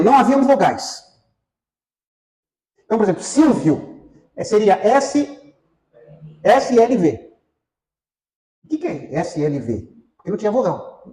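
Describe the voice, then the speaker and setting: Brazilian man, Bible class teacher, chatty lecture with fillers, high animated voice, echoey room. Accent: Brazilian Portuguese. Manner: conversational, asks the class questions, many fillers. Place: church classroom.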